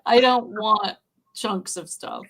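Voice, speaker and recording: A woman in her fifties tells wry, irreverent stories as a podcast co-host. Her voice is bright and sits at a middle pitch. She talks in a casual, offhand way. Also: takes it slowly, creaky. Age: 50s. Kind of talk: casual chat.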